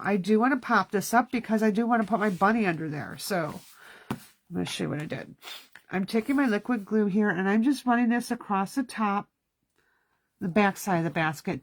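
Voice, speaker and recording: Her nose stuffy, a craft class host talks herself through making cards in a casual hands-on demonstration. She speaks chattily at medium pitch and a moderate pace, recorded dry.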